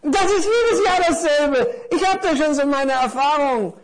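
A man voicing a small, jaded gift-wrapped tie in a children's story, a squeaky, lecturing know-it-all. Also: measured pace, background noise.

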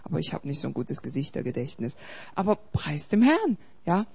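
A woman pastor preaching a sermon, swinging between loud, urgent exhortation and quiet, confiding storytelling. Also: low voice, very animated, a little fast, vocal fry, slightly rough.

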